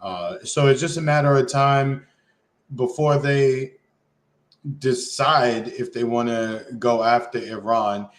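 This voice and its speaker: Dude with a sarcastic streak, chatting politics, bit of room echo. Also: male voice, mid-range voice, slow. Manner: wry, sarcastic asides. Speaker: podcast co-host. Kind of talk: casual political discussion.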